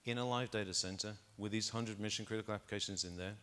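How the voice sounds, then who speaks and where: A middle-aged man speaks from a big conference stage through a lapel mic. His voice sits on the low side, and he explains his test results patiently, point by point. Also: steady tone, fast, fairly bright tone. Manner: explanatory, walks through data step by step. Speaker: keynote speaker. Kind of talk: conference keynote presentation.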